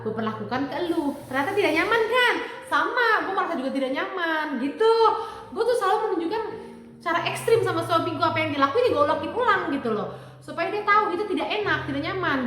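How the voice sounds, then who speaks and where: Chatty high-voiced woman. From Indonesia. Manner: chatty, animated, acts out her husband's lines. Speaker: vlogger. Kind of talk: casual relationship advice vlog. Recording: very echoey room with faint music.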